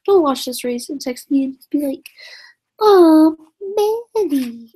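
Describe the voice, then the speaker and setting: On a live stream, an Indiana teenager rambles, giggles and throws in lots of fillers and side comments. Her voice is high-pitched, a little mellow and brisk, with fairly even intonation, in a low-quality recording.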